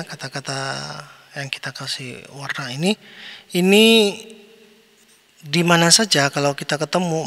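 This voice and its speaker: A man teaching a lesson, reciting words slowly and drawn out, then giving their meaning. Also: fairly high pitch, pushed and bright, long reverb tail. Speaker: Arabic teacher. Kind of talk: recorded online lesson.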